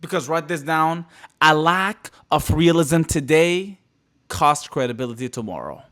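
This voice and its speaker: A man's voice: fairly high pitch, animated, a little slow. Passionate man giving a motivational talk. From Middle East. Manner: passionate, repetitive, swings from loud to hushed. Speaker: motivational speaker. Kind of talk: live-streamed motivational talk.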